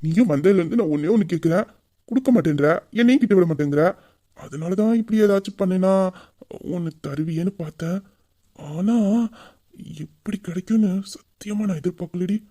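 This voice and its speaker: A performer voicing a rough, mischievous young husband who teases and pleads with his wife in an audio drama. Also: medium pitch, brisk, lightly acted. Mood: teasing. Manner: teasing and pleading, loud yelps of pain. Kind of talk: Tamil audio drama dialogue.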